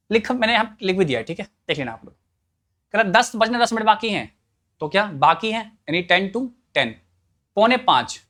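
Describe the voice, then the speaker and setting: A male teacher runs a spoken-English class, asking his students one quick question after another. His voice sits a little high for a man, and his casual, joking manner keeps the lesson light. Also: fairly bright tone. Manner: drills students with repeated questions like "yes or no?"; joking and colloquial.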